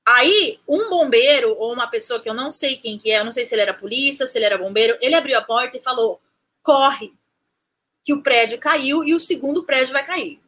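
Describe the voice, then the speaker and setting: A woman, recounting a personal story as an interview guest, animated, restarting phrases and acting out what people said. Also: high-pitched, fast talker, hardly any pauses. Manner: animated, restarts phrases, acts out quoted speech.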